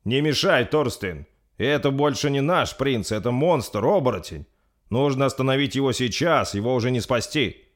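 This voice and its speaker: A man's voice: medium pitch, very animated, a little fast, few pauses, pitched above the performer's own voice. A man voicing a stern, grim male captain who gives harsh commands in an audiobook story. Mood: urgent.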